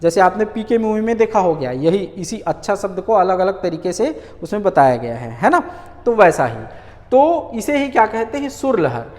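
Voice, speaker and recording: A man teaching a grammar lesson in a very animated voice that climbs and dips widely. He keeps asking questions and answering them himself, and he repeats key words slowly. His voice rings with a long reverb, as if recorded in a bare hall. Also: high voice.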